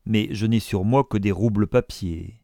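A cool, aristocratic count who answers curtly, as voiced by a male narrator. The voice is low and gravelly, dry and close. Audiobook figure. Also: normal speed, mellow, no echo. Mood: cold. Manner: cold, curt.

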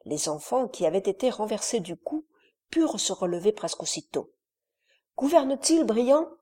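Mellow-voiced woman narrating a novel. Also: mid-range voice, expressive, slightly rough. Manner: measured, dramatic storytelling with rhetorical questions. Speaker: audiobook narrator. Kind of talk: scripted narration of a classic adventure novel.

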